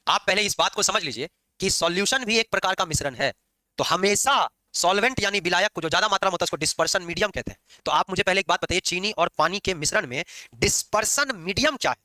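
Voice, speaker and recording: A man lectures his chemistry class quickly, teasing and scolding students along the way. His voice is high and very bright, swooping up and down. The sound is dry and close. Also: dry recording. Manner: lively, scolding and joking with students. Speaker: chemistry teacher.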